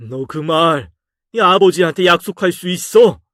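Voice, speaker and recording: A man's voice: high voice, normal speed, a bit bright, dry recording, voice pushed up. Man voicing a scolding father, storybook reading, raised exasperated voice, dry sound. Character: stern scolding middle-aged father. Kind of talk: audio drama story reading.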